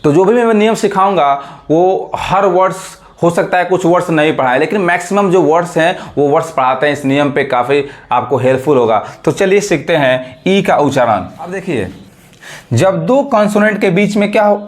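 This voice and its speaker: A man teaching a lesson, asking questions and answering them himself and spelling out letters slowly. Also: fairly high pitch, lively intonation. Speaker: English teacher. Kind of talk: classroom-style lesson explanation.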